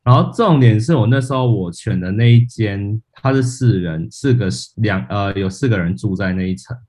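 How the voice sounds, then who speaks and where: A man's voice: fairly low pitch, normal speed. A man co-hosting a podcast, casually telling a funny story about himself, laughing at his own mishaps and acting out what people said. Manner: animated storyteller, laughs at himself, acts out quotes. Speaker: podcast co-host.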